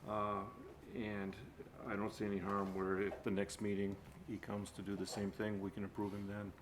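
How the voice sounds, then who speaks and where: A man on a town board making motions and explaining his view in a measured, hesitant way. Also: on the low side, monotone. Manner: measured, hesitant, many fillers. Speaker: select board member. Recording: noisy meeting room recording.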